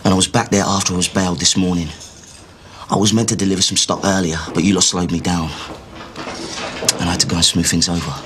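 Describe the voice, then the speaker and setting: Evasive male suspect, played by an actor, defensive, low-voiced, fast delivery, police drama interview. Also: level tone, background noise, natural voice. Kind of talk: television police drama acting.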